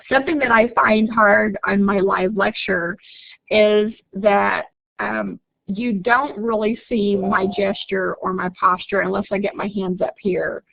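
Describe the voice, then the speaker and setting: A woman with an Oklahoma accent gives a chatty live online lecture as a college instructor, reading out student comments, answering them, and laughing easily. Her voice is mid-range and gravelly. The sound is phone-quality with no echo.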